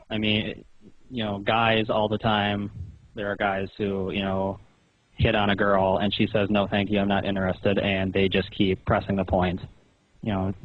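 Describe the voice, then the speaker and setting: A husky man with fairly low pitch calls on the phone, questioning and explaining insistently as if lecturing. It's pointed questioning over a recorded call, and the sound is muffled and roomy.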